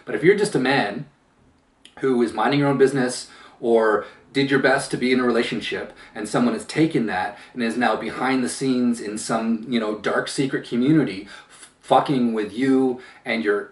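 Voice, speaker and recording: A channel host delivers an opinion commentary monologue in a powerful, mid-pitched voice, measured and emphatic, slowing down and pausing to lean on key words. When pressing a point or upset, he grows loud and forceful. His voice rings in a roomy space, picked up from some distance away from the mic.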